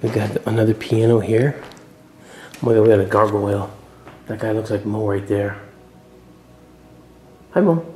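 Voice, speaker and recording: A man giving a casual, excited walk-through vlog of an old mansion, chatty and often dropping to a murmur. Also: on the low side, normal speed, long pauses, a little hiss or hum. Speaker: vlogger touring a historic mansion. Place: indoors, large old house.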